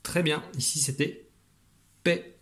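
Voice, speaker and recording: A fairly high, steady, and fairly bright male voice takes things slowly. The speaker is a primary school teacher at a desk computer at home, patiently explaining a reading lesson to young children over video and cheering them on.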